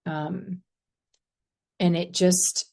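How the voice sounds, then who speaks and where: A woman with a slightly low voice shares her faith story in a group. She talks earnestly and haltingly and often breaks into laughter. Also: flat delivery, vocal fry, mellow. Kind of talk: personal testimony in group discussion.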